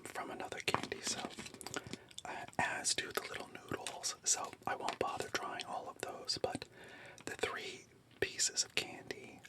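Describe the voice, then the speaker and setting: ASMR food-tasting host, fully whispered, slow and gently hesitant delivery.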